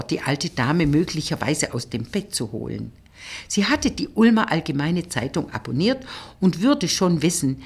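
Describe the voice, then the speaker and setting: Husky, expressive woman narrating an audiobook. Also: low-pitched. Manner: expressive, storytelling.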